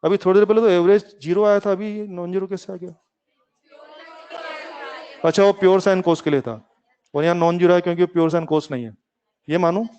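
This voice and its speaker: A man's voice: high voice, steady tone, fairly quick, long pauses, a little mellow, smooth. A man teaching a physics class in with a coaxing, playful manner, calling his students kids and urging them on. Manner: playful, calls himself lazy. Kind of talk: online classroom lecture. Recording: slightly muffled lecture recording.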